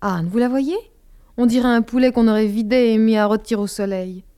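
A woman voicing a stern middle-aged father who frets over his daughter, his reproach carried in a mellow, dark tone. A close, plainly read audiobook part. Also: a little high, brisk, smooth, close to an everyday voice.

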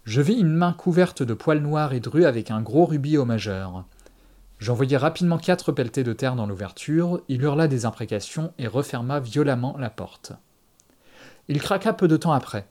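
A man reading a story aloud in the first person, with measured, steady audiobook narration. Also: mid-range voice.

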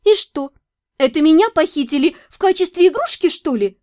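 A woman narrates a story in the first person with a high, bright-toned voice that swings widely in pitch. She reads expressively, close to the mic in a dry, dead room. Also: moderate pace, no echo. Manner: expressive, acts out the heroine's lines. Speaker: audiobook narrator.

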